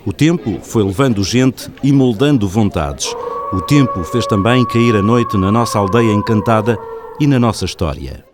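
A man's voice: fairly low pitch, lively intonation, normal speed, heavy background noise. A man with a European Portuguese accent reading scripted documentary narration in a storytelling style. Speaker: radio reporter and narrator.

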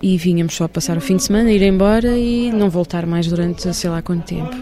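A woman's voice: lowish voice, fairly quick, dark tone. A woman with a European Portuguese accent talking casually as an interviewee. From Porto, Portugal. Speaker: interviewee, theatre worker.

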